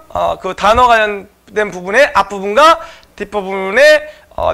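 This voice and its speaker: A man's voice: sits high, gravelly, bright, forceful tone. A man teaching an online exam-prep lecture, explaining answers to viewers with frequent filler sounds.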